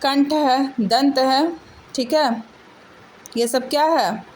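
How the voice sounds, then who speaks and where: A woman's voice: high-pitched, slow pace. A woman teacher going through multiple-choice exam answers, asking each question aloud and answering it herself, with frequent checks of "okay". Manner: repeats answers and adds "ठीक है" checks.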